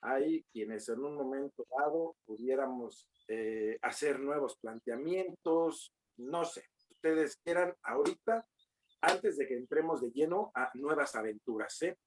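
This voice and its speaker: A man's voice: medium pitch, lively intonation, a little hiss or hum, low-quality recording. A man moderating an online legal forum, with fillers, questions to the audience and joking asides. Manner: slow, drawn-out, filler-heavy, joking asides.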